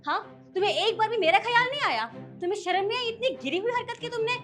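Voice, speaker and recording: A sharp-tongued, scheming wife, played by a woman, scolding and accusing in a very high voice. Faint music plays behind her lines. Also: animated, fast talker. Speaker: lady of the house.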